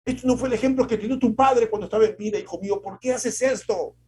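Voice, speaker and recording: A man voicing a stern middle-aged mother scolding her son, shrill and loud. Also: quick pace, breathy edge.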